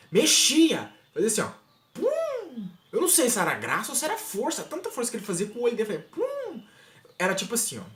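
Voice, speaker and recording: Animated young man telling a funny story. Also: fairly high pitch. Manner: animated, laughs through the story, acts out scenes. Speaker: storyteller vlogger. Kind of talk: comic personal anecdote. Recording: roomy echo, faint noise.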